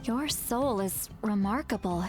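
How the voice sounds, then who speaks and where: An actress playing a composed adult woman leader in a video game, speaking with calm authority. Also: medium pitch, unhurried, faint music behind, natural voice. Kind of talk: game voice acting.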